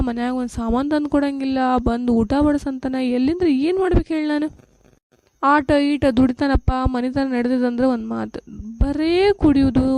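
A woman's voice: sits high, mellow, dry recording. A woman voicing a worn-out village mother with a North Karnataka Kannada accent, pleading and scolding about her drinking husband in a cartoon. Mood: exasperated. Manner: pleading, scolding, weary complaint. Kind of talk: cartoon voice acting.

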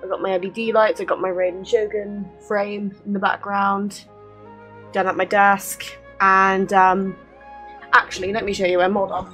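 Her voice is medium in pitch, a bit bright, with little pitch movement and a normal speed. She's a woman in her twenties streaming a game from a small bedroom setup, candidly chatting and reading dialogue aloud into a close desk microphone while game music plays.

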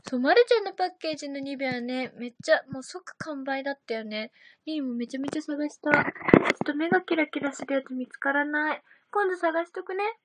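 A woman's voice: sits high, a little fast, fairly bright tone, no room sound. A young woman chatting casually on a livestream, reading out viewer comments and giggling often. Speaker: idol livestream host.

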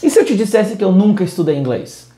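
A man's voice: sits high, big pitch swings, fast talker, warm tone, roomy sound. A man teaching an English lesson, moving between English and Portuguese in an upbeat, direct way. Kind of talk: video lesson.

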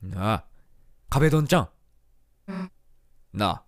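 A man voicing a gruff bully monster girl. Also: lowish voice, animated, slow, voice pushed down. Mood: menacing. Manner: gruff, threatening, coarse speech. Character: tough rude monster schoolgirl bully. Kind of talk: voicing game dialogue during a let's play.

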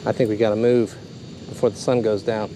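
A young fishing vlogger chats casually outdoors, at a pond and on a small boat on a lake, excitedly teasing and talking to the fish he catches. His voice sits on the low side and moves fairly quickly, with background noise in the recording.

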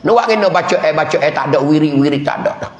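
A man's voice: fairly high pitch, racing. A man with a Patani Malay accent, a religious teacher giving a village mosque sermon, telling stories with chuckles and chanting prayers. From southern Thailand. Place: mosque hall. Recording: echoey hall from a distance.

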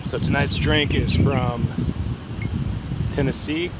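Man, forties, casual vlogger, easygoing and chatty; outdoor camera audio with clear background noise. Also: medium pitch, slow. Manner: relaxed, chatty with frequent fillers. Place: outdoors at a campsite and on a bike trail. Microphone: camera on a tripod, action cam while riding. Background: outdoor ambience.

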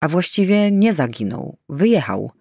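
A man's voice: fairly high pitch, very animated, moderate pace, creaky, mellow, no echo, clean studio sound, pitched above the performer's own voice, exaggerated voice. Man voicing a bitter abandoned mother. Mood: stunned. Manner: bitter, shaken, flaring into anger. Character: abandoned distraught middle-aged mother, bitter.

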